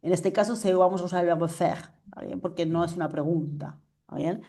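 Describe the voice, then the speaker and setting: Lady teacher on a video call, warm mellow voice, keeps asking if everyone follows. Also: fairly low pitch, fairly even intonation, fairly quick. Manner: patient, checks understanding often. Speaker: French teacher. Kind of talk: online class explanation.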